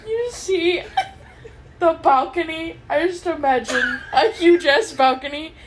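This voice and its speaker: A woman's voice: very high voice, heavy background noise. A woman co-hosting a casual podcast chat, blunt, swearing freely and laughing often. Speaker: podcast co-host.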